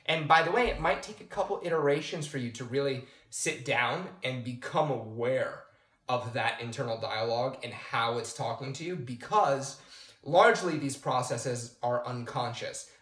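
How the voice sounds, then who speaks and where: A man giving a calm, explanatory coaching lesson to camera, checking in with the viewer as he goes. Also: mid-range voice. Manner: calm, explanatory, addresses the viewer directly with "okay?". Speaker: personal development coach. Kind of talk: instructional talk to camera. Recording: roomy echo.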